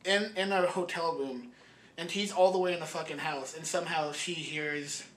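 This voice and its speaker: A man's voice: fairly high pitch, fairly even intonation, normal speed, fairly bright tone, rough recording. A man co-hosting a podcast, chatting casually with a friend in an easygoing way and swearing casually. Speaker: podcast co-host. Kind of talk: casual chat between friends.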